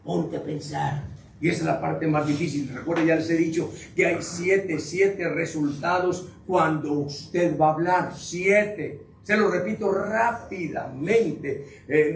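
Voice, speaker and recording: A man preaching a sermon to his congregation, joking and firing questions at the listeners. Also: a little high. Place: church sanctuary. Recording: echoey room, distant mic, faint noise.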